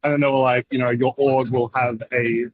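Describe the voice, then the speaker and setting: A man calls into a gaming stream without a proper mic, and his voice comes through muffled and lo-fi. Noise suppression fights the loud background noise around him and leaves warbling artifacts in his speech. He chats casually, rambling and filling gaps with "like" and "uh.". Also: medium pitch, level tone, fairly quick. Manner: rambling, lots of "like" and "uh". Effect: noise suppression artifacts over loud background noise. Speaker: remote guest on a gaming stream. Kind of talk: casual chat. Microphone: remote call, no proper microphone.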